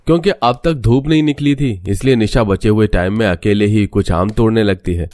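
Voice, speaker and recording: A man narrating a cartoon story in a steady, scripted storytelling voice. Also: fairly low pitch, normal speed.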